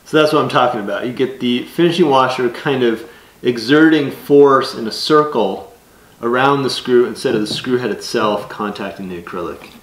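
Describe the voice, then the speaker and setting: A middle-aged man giving relaxed, step-by-step how-to instructions while building in his home workshop. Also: medium pitch, moderate pace. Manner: relaxed, step-by-step explaining with casual fillers. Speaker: DIY builder. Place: home woodworking garage workshop. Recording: echoey workshop with clear background noise.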